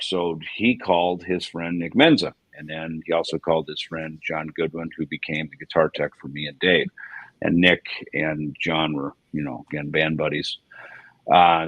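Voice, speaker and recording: A man's voice: sits low, fairly bright tone, dry recording, poor audio. A man in his fifties co-hosting a livestream, telling loose, rambling stories full of fillers, restarts and chuckles. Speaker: livestream co-host. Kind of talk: casual storytelling reminiscence.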